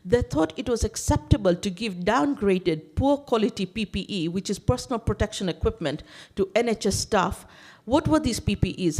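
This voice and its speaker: A woman raised in Tanzania, speaking as an election candidate to a room of elders. Her speech is forceful and insistent, and she builds long lists and repeats words to drive each point home. Her voice sits at an ordinary middle pitch. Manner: emphatic, piles up lists and repeats words when stressing a point. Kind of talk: campaign speech to a seniors' gathering. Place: community main hall.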